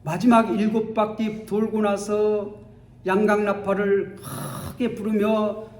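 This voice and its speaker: A man's voice: high voice, flat delivery, slow, a little mellow. A male pastor giving a Sunday sermon in a church, telling the story dramatically and acting out its scenes. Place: church sanctuary. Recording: echoey church hall.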